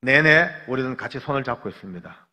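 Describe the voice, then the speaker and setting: A male pastor, telling a story in a sermon, swinging between hushed and loud. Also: medium pitch, lively intonation, brisk. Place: church sanctuary. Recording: echoey church hall.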